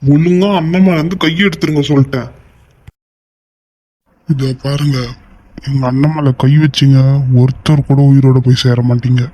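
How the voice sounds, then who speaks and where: A man's voice: medium pitch, fairly even intonation, moderate pace, pauses often, mellow, lightly acted. A man voicing a menacing young thug loyal to his kidnapper brother in a cartoon, blunt and threatening.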